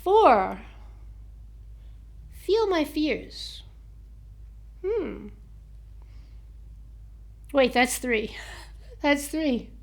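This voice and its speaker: Chatty American woman with a high voice. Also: sing-song, creaky. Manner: chatty, laughs at herself, reads aloud haltingly. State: slightly sore throat. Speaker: host of a book review show. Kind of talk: casual chat reading from books and notes.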